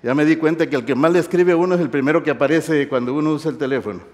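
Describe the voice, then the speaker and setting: A middle-aged man preaching to university students, animated, swinging from loud exclamations to soft intimate asides. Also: fairly high pitch, very fast. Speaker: pastor. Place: large hall. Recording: reverberant hall.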